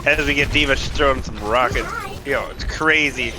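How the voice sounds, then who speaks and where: A man's voice: medium pitch, normal speed. A man doing casual, hyped color commentary on an esports match, often saying "definitely". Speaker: esports co-caster.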